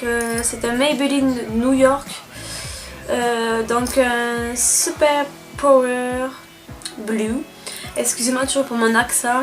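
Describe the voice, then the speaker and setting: A young woman filming a casual spring beauty tag, talking hesitantly with many filler sounds. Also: on the high side. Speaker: beauty vlogger. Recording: music playing behind.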